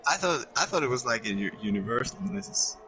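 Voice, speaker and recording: A man's voice: mid-range voice, very animated, brisk, pushed and bright, slight background noise, rough recording. A man co-commentating an online racing league in a laid-back, chatty way. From Norway. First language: Norwegian. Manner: laid-back, short agreeing replies. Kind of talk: casual commentary chat.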